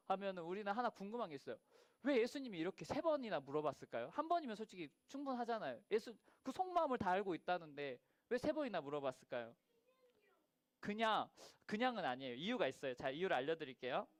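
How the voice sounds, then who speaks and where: Male children's preacher, high voice, animated storyteller, dry close sound. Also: fast, no echo. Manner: animated storyteller who acts out quoted lines and asks the children questions. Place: church worship room.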